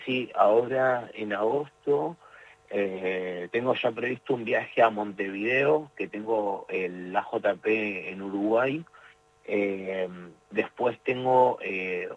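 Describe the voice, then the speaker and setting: Young Argentine man, low-pitched, halting interviewee, muffled radio audio. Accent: Argentine Spanish. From Tierra del Fuego, Argentina. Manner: hesitant, many fillers and restarts. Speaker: jiu-jitsu competitor. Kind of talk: interview answers.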